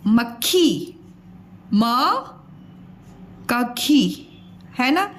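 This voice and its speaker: A woman with a high, very animated voice teaches young children a grammar lesson. She sounds out words slowly, one syllable at a time.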